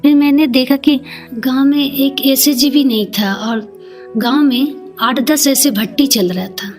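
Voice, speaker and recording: A woman who leads her community appears as a podcast guest and tells a personal story in an eastern Indian regional Hindi accent. Her fairly high voice moves very slowly through halting, plain, colloquial phrases, with soft music behind her.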